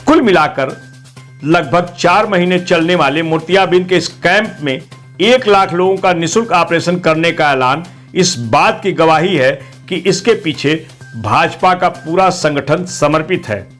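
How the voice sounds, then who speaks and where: A man narrates a local news report with punchy, rhetorical emphasis. His voice is high for a man. Faint background music plays. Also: fairly bright tone.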